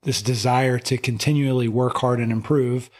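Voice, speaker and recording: A man's voice: medium pitch, fairly even intonation, moderate pace, a little mellow. Brief: male coach co-host, casual and thoughtful talker, mid-range voice. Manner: thoughtful, uses "like" fillers. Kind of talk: casual chat.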